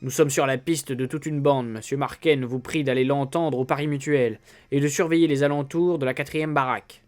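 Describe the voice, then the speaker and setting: A man voicing a hurried messenger passing on news in a read-aloud story. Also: mid-range voice, fairly even intonation, a little mellow, close to an everyday voice.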